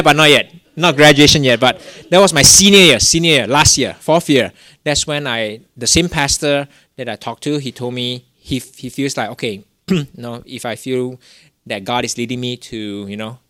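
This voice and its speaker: A man's voice: mid-range voice, pushed and bright, no echo, clean studio sound. A young man from Singapore, telling a personal story in a rambling way, full of fillers and restarts. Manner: rambling, many "you know" fillers and restarts. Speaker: guest telling his story. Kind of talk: casual testimony.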